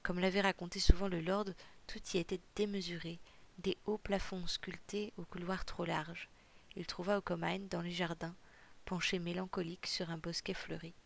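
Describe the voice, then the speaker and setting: A narrator reading a novel chapter aloud for a podcast in a measured, even storytelling manner. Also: mid-range voice, vocal fry. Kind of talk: audiobook reading.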